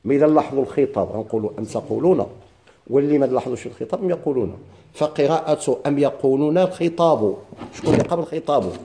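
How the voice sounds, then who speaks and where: A man with a Moroccan Arabic accent teaching a class on Quranic recitation, explaining step by step, chanting verses slowly and quizzing his students. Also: mid-range voice, noisy background. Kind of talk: classroom lesson on Quranic readings.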